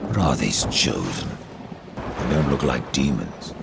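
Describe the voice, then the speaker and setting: A man playing Death in a video game, a grim, sardonic undead horseman who speaks tersely in a raspy voice. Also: expressive, measured pace, heavy background noise, full character voice. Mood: sardonic, challenging. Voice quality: very deep gravelly rasp. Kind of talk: video game character acting.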